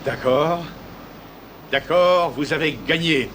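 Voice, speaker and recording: A man's voice: fairly high pitch, slow pace, background noise. A man playing an airfield worker in a dubbed film. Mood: resigned.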